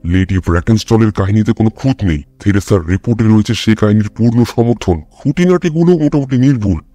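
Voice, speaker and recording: Man doing brilliant detective, restless, measured reasoning, low mellow voice, dry sound. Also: dry recording, lightly acted. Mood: urgent.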